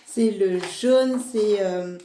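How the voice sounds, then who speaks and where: A woman presenting a product range in a casual video, hesitant, full of fillers and restarts, and quick to laugh at herself. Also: medium pitch, warm tone, a little hiss or hum. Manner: slow, halting delivery. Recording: echoey room.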